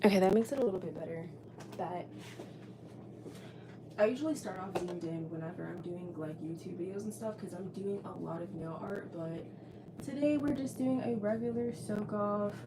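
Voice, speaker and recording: A woman's voice: medium pitch, normal speed. A woman chatting casually as a nail technician giving a live tutorial. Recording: clearly noisy background.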